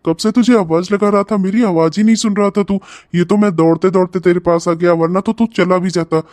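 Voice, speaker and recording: A man's voice: sits high, steady tone, fairly quick, a little mellow, natural voice. A man voicing an easygoing young friend in a cartoon, casually talking sense into his buddy. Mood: coaxing. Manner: casual, coaxing, reasonable. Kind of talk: cartoon voice acting.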